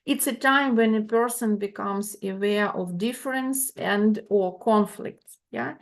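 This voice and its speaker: Woman, university lecturer, online lecture, halting delivery, frequent fillers, medium pitch. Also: vocal fry. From Ukraine. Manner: halting, with many fillers and restarts; checks in with listeners by asking "yeah?".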